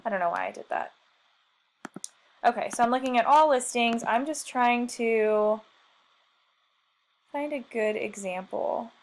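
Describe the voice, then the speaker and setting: A woman leading a screen-share software tutorial as a marketing trainer, chatty and self-deprecating, thinking aloud as she clicks through. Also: a little high, expressive, unhurried, long pauses.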